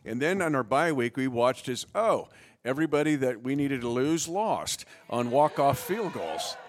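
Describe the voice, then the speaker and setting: A man's voice: medium pitch, big pitch swings, moderate pace, slight background noise. A middle-aged man co-hosting a sports radio show, folksy and joking as he talks to a live audience. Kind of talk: casual sports chat.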